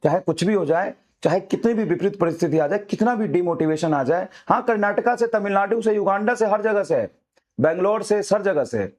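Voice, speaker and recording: A man, a teacher, giving a fiery motivational talk to students, repeating his urgings over and over and dropping low and soft for emphasis. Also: lively intonation, brisk. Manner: fiery, repetitive exhortations.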